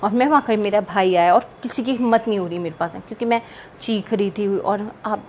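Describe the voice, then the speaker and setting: A young woman telling an interviewer about a personal paranormal experience, animated and vivid, acting out what others said. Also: medium pitch, brisk, slight background noise. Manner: animated, vivid storytelling with quoted dialogue. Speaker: guest.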